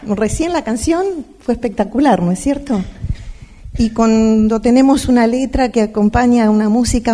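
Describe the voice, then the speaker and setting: A woman's voice: a little high, dark tone. An older woman with an Argentine accent, giving a devotional talk to a women's church meeting, telling personal stories and often checking in with her listeners. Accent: Argentine Spanish. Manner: storytelling, often asks "¿no es cierto?".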